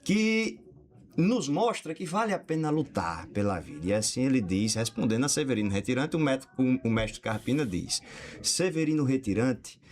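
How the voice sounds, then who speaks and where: A man's voice: medium pitch, very animated, normal speed, darkish tone, faint music behind. A man speaking as a podcast guest in a studio, giving closing remarks and reciting poetry in a declamatory manner. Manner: declamatory, rising into heightened recitation.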